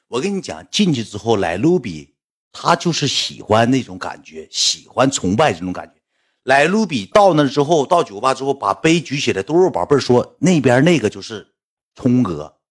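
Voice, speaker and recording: A man telling stories on a livestream in a lively, rambling, exasperated way. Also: medium pitch, normal speed, slightly rough. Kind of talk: casual storytelling on a livestream.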